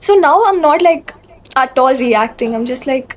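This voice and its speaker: A woman's voice: sits high, fairly quick. A young adult Indian woman with a Telugu accent telling stories casually, switching between English and Telugu. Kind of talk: casual chat, storytelling.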